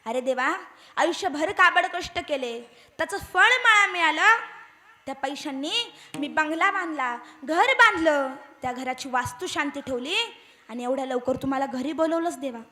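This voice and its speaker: A woman's voice: sits high, lively intonation, normal speed, pushed and bright. A woman playing a rich old man who begs God to send him back to earth, in a whining, pleading voice. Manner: begging, whining.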